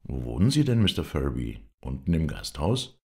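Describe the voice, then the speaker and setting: A man's voice: very deep voice, sing-song, normal speed, mellow, full character voice. A man voicing a talkative, teasing young English lord in a storybook reading. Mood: chatty.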